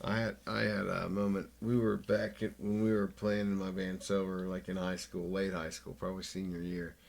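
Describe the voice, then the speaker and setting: A man hosting a podcast, telling wild stories in an animated, profane way. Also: low voice, normal speed, vocal fry. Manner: animated, swearing storyteller. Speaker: podcast host. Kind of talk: casual chat.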